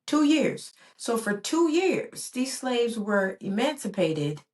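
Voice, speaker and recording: The host of a reflective solo podcast, a woman in her forties who was born in Barbados and grew up in the US, has a slightly high, slightly mellow voice. She's very animated yet takes her time, speaking earnestly and rhythmically and leaning on repeated emphatic phrases.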